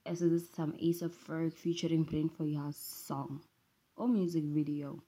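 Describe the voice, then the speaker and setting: A woman's voice: low-pitched, steady tone, moderate pace, mellow, slightly rough. A young woman at home, chatting casually and rambling playfully with sassy asides, as host of her own vlog. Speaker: vlogger.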